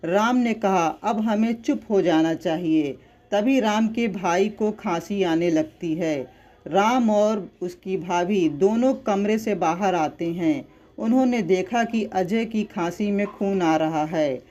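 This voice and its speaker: Slow, mellow narrator for an audio novel, dull lo-fi recording. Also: medium pitch. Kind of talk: scripted story narration.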